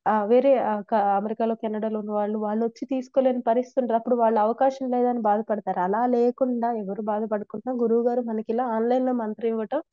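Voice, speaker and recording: A woman's voice: fairly high pitch, fairly even intonation, quick pace, no echo, phone-quality sound. A woman earnestly sharing her devotional experiences in a conversational interview, with frequent restarts. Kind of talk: conversational testimony.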